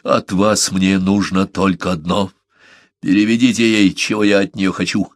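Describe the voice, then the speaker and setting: A man voicing a furious, grieving man, half-mad with rage, shouting in fierce hoarse outbursts in an audiobook. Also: deep voice, level tone, moderate pace, no echo, studio quality, natural voice.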